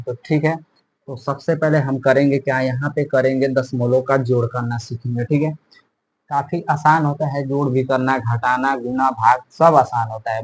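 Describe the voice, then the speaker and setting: Husky guy teaching maths, repeats everything, keeps checking in. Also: medium pitch, poor audio. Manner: repetitive, checks in often with "theek hai". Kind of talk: step-by-step maths lesson.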